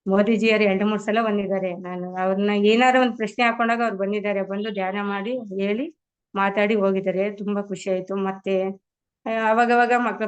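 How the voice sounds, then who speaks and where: Earnest woman with a smooth, flat voice. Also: mid-range voice, highs cut off. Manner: earnest, addresses listeners as masters. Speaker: meditation practitioner sharing experiences. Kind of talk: personal testimony.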